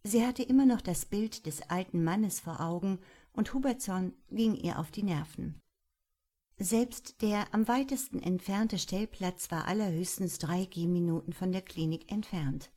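A woman reads a crime novel aloud in a calm, measured narrating voice. Her pitch sits fairly low. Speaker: audiobook narrator. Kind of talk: scripted narration.

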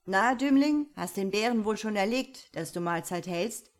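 A woman's voice: medium pitch, expressive, measured pace. A woman voicing mocking, greedy sons-in-law who scold and taunt. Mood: scornful.

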